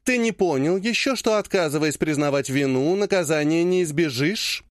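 A man voicing a powerful woman clan head who speaks in a slow, honeyed yet threatening way. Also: on the high side, expressive, no echo, studio quality, natural voice. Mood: honeyed menace. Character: sweetly menacing older woman clan head.

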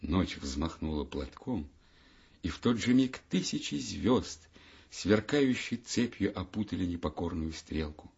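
A man narrating a children's fairy tale in an expressive storytelling voice. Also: deep voice, unhurried, vocal fry, breathy edge. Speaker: audiobook narrator. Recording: dull lo-fi audiobook recording.

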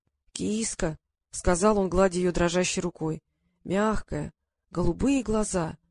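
A woman voicing a frail old man who speaks slowly in short sentences, with a whistling lisp from bad dentures. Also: fairly low pitch, a little mellow, no room sound, studio quality. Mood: fond. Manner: slow, halting.

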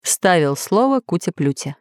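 A woman narrating a children's story in an expressive reading voice. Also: lowish voice, normal speed, no room sound, studio quality.

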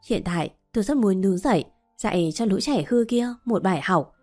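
A woman narrating a first-person story in a steady audiobook reading. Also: mid-range voice, brisk. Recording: faint background music.

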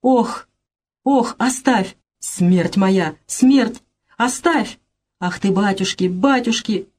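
A woman's voice: mid-range voice, takes it slowly, darkish tone. A woman voicing a panicky, scheming middle-aged male swindler in a dramatized reading of a play, who exclaims and wails in a frantic way. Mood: wailing.

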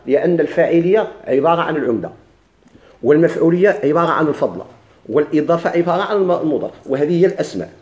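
A man with a Moroccan accent teaching Arabic grammar, slowing down to recite quoted verses and examples and giving letters and words their own speaking lines. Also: a little high, a little mellow. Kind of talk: explaining a grammar text. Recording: echoey room.

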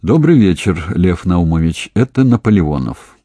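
A man voicing a calm, wry young police investigator with a dry, ironic manner, in an audiobook. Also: low-pitched, normal speed, husky, dry recording, full character voice.

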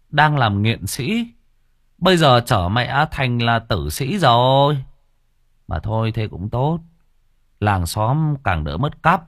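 A man's voice: fairly low pitch, dry recording, studio quality. A man narrating a horror story in an earthy, coarse, dramatic way.

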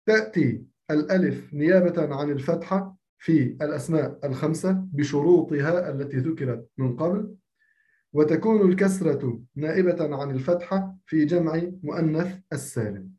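A man teaching a grammar lesson to a class, repeating key phrases slowly and asking for questions. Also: a little high, mellow.

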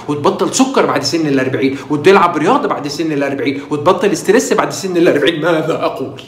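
A middle-aged man with an Egyptian Arabic accent, hosting a casual health talk and lecturing viewers with animated rhetorical questions. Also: fairly high pitch, reverberant. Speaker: health channel host.

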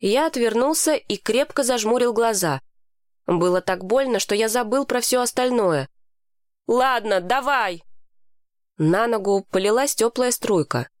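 A woman narrating a children's book in the first person, clear and even. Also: fairly high pitch, normal speed, no room sound, studio quality. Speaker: audiobook narrator. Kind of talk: scripted narration.

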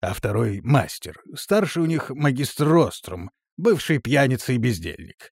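An actor voicing a gloomy, disapproving male orc servant who speaks low and resigned in a storybook reading. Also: big pitch swings, normal speed, creaky, husky, no room sound, clean studio sound, heavily acted.

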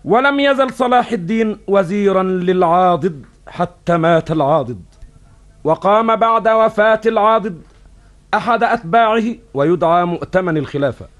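High-voiced cafe storyteller. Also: male voice, expressive, moderate pace. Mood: declamatory storytelling. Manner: declamatory, formulaic addresses to listeners. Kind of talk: Arabic cafe storyteller narration in formal classical Arabic.

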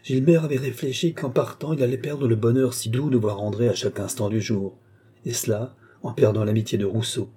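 A man narrating a classic novel as an audiobook in a measured storytelling manner. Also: mid-range voice, steady tone, warm tone, husky.

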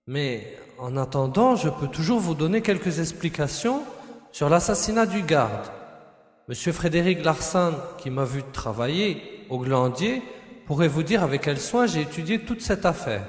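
A man voicing a brash, confident young reporter-detective in an audiobook drama, speaking with a high, ringing voice. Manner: confident, cheeky. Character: Rouletabille, brash young male reporter-sleuth. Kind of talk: audiobook character reading. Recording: echoey room with long reverb.

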